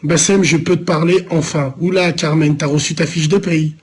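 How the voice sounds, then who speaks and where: Male streamer from Lyon, husky tone, slangy, rambling, teases his chat. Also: fairly high pitch, steady tone, moderate pace. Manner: loose, rambling street slang, teasing chat. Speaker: live streamer answering viewers. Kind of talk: casual live-stream chat.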